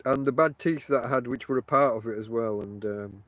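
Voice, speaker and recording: A middle-aged man hosts a casual, rambling podcast, trading wry, self-deprecating banter. Having no teeth, he articulates with lips drawn over his gums. His medium-pitched voice is fairly bright and a little fast, with no room sound.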